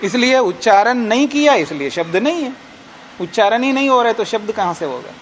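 A man teaching a class on a classical philosophy text. He reads Sanskrit lines slowly, explains them in plain terms, and asks the class questions that he then answers himself. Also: very high-pitched, lively intonation, a little hiss or hum.

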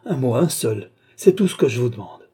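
A man's voice: mid-range voice, big pitch swings, normal speed, mellow, breathy edge. A man voicing an anguished young nobleman pleading. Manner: pleading, impassioned outbursts.

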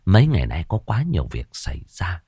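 A man's voice: low voice, wildly swooping pitch, brisk, warm tone, husky, no echo, clean studio sound. A man reading a scripted audiobook story in a dramatic storytelling manner, shifting into character voices.

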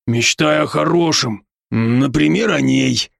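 An actor playing a boisterous, teasing male werewolf friend in an audiobook, with brash rapid-fire banter. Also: medium pitch, gravelly, dry recording, studio quality. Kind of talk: audiobook character voice.

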